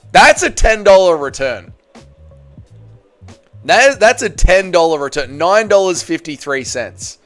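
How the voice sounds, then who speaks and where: This livestream host, a man in his thirties, has a voice on the high side with a fairly bright tone. Chatting casually about MMA and reading viewer comments, he addresses the "boys" with crude, blokey humor and plenty of repetition.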